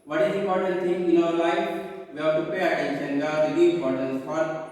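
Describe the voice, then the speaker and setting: A man's voice: fairly high pitch, fairly even intonation, a little fast, a little mellow. An Indian man, a teacher giving an earnest, explanatory school lecture to students, repeating his points. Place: large echoing room. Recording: very echoey hall, distant mic.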